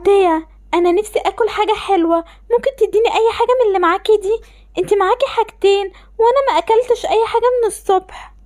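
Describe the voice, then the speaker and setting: A woman's voice: very high voice, fast, a little mellow. A woman voicing a sad, tearful young girl, Lamar. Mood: pleading. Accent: Egyptian Arabic. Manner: tearful, pleading. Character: sad young girl, rejected by her family. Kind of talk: voiced game-animation story.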